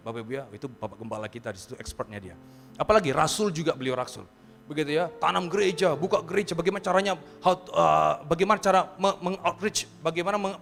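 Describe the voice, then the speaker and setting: An Indonesian man preaching a sermon in a church, with a voice pitched a little high. He calls out to the congregation and acts out their complaints, and his voice climbs when he stresses a point. A long reverb trails his words, with faint music behind. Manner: rises to loud, high emphasis. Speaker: pastor. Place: church hall.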